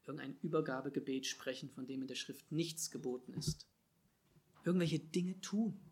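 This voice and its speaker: A man preaching a sermon, swinging between loud emphatic calls and quiet, low asides. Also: normal speed.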